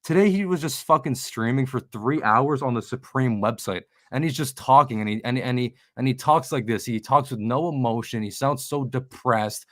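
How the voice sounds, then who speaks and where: A man's voice: medium pitch, normal speed, few pauses, fairly bright tone, no echo, studio quality. A man in casual podcast talk, rambling and swearing, often restarting his sentences. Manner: rambling, profane, with many restarts. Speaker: guest streamer.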